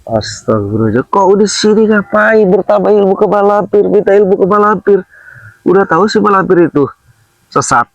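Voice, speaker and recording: A man's voice: high-pitched, fairly even intonation, normal speed, no echo, recorded from a distance, highs cut off. Stern man leading an exorcism. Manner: stern questioning, frequent Islamic exclamations. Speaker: exorcist, host. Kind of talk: exorcism session.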